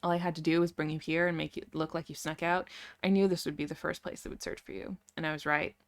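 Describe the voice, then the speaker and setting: A woman voicing a smug, menacing young male vampire in a quiet voice. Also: sits low, little pitch movement, fast, no room sound. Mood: sinister.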